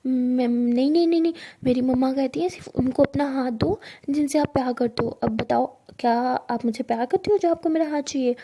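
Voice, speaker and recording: A woman's voice: high voice, fairly quick, hardly any pauses, warm tone. Woman voicing a cheeky joking young woman. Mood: playful. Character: playful teasing young woman office worker.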